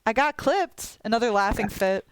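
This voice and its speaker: A woman's voice: a little high, expressive, normal speed. A woman streamer chatting casually and rambling while she draws requests, laughing often and swearing offhand. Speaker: streamer drawing viewer requests. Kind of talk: casual live-stream chat.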